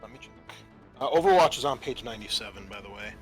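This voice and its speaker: A man acting as game master for a tabletop roleplaying game narrates scenes and explains the rules in a conversational way. His medium-pitched voice is animated and quick, with background music playing.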